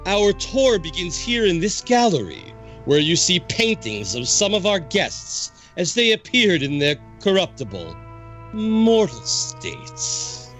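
Spooky ghost tour host done by a guy, slow gloating drawl, voice swoops way up and down. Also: high voice, wildly swooping pitch, over music, heavily acted. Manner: drawling, gloating, with cackling laughs. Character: sinister theatrical male ghost tour host. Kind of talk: amateur reenactment of a ride narration.

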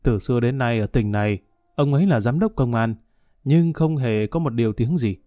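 A calm older gentleman, read by a man, reasons and reassures. The voice is dark and mellow, and the recording is dry. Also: mid-range voice, moderate pace, no echo, lightly acted. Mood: assured.

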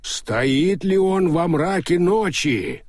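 A man voicing an unseen ritual master who pronounces every line slowly and solemnly. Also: high voice, expressive, darkish tone, dry recording, clean studio sound, voice pushed up. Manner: solemn, slow, ceremonial pronouncements.

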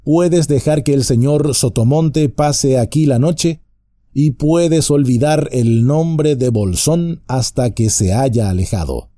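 A man doing Strider, a calm grim ranger. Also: medium pitch, no room sound, clean studio sound, voice pushed up, lightly acted. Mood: grave. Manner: calm, measured, quietly firm.

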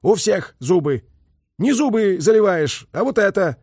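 A male audiobook reader voicing a stern army major who speaks in a calm, measured way. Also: slightly rough, no room sound, clean studio sound, exaggerated voice. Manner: measured, deep-voiced. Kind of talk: audiobook character voice.

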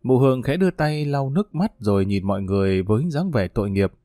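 A man narrating an audiobook story in an expressive storytelling manner. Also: medium pitch, fast, no echo, clean studio sound.

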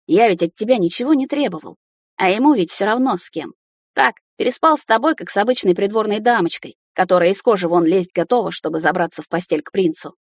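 A man's voice: high voice, fast, no echo, clean studio sound. A woman voicing a jealous, sulky young male mage who talks in a reproachful, brooding way. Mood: bitter.

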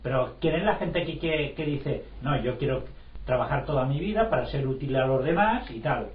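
A man's voice: medium pitch, animated, moderate pace. A man in a casual group discussion, arguing with rhetorical questions. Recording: roomy lo-fi recording.

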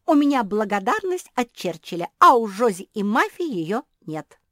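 A woman voices an impulsive, boastful little girl pug who speaks eagerly and brags. Pitched above her own voice, she sounds fairly high with big pitch swings at a moderate pace, recorded at studio quality with no echo.

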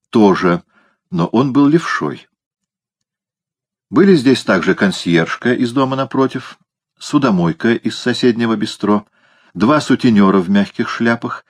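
Man, audiobook narrator, low husky voice, measured dry storytelling, scripted reading.

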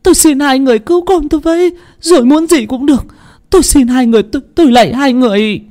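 A man voicing a desperate young mother who cries out, high and strained, begging for her child. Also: fast talker, warm tone. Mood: pleading.

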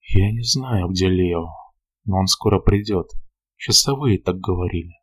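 A man reading an audiobook, voicing a weary older noblewoman who speaks softly and pleadingly. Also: deep voice, measured pace. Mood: grave.

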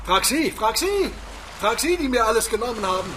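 An actor in a radio play voicing Captain Nemo as a vengeful, tormented, commanding captain, with imperious and bitter theatrical delivery. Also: male voice, extremely high pitch, sing-song, a little fast, background noise.

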